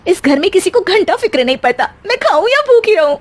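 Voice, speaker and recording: A woman voices a feisty young daughter-in-law in an animated family comedy, bickering in a very high, lively voice that swings up and down. She sounds sulky, sarcastic and indignant, speaking fairly quickly with no echo.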